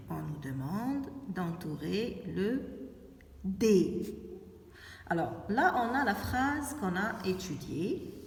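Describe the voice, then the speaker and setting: Slow, lively teacher woman in an echoey room. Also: on the low side, vocal fry, distant mic. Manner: slow, spells out words syllable by syllable; asks questions then answers them herself. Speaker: primary school teacher. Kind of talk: reading lesson for young children.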